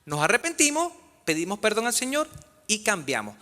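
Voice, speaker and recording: Man, pastor, lively sermon, swooping pitch, echoing church hall. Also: normal speed. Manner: preaching with rhetorical questions to the congregation. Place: church sanctuary.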